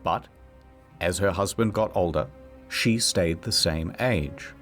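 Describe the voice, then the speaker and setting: A man narrating a comedic history video, wry and storytelling, with sudden swings in pitch. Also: slow pace, faint music behind.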